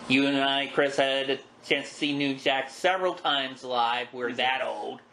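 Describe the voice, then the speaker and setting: A man's voice: mid-range voice, steady tone, unhurried, creaky, bright, forceful tone. A middle-aged man hosting a podcast, chatting casually and reminiscing in a folksy, wry, self-deprecating way. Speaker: podcast host. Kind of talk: casual chat, reminiscing about wrestling. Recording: roomy echo with background noise.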